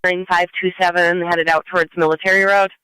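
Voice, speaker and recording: A man dispatching on police radio in a high, bright voice. He keeps to terse, businesslike procedural phrases. The sound is crisp and clean. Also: level tone, brisk, no room sound, low-quality recording. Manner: clipped, businesslike.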